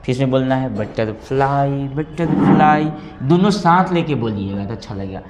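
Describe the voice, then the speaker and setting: A male teacher slowly dictating lines and a rhyme to his class, repeating each phrase. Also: mid-range voice, very animated, a little mellow, highs cut off, soft background music.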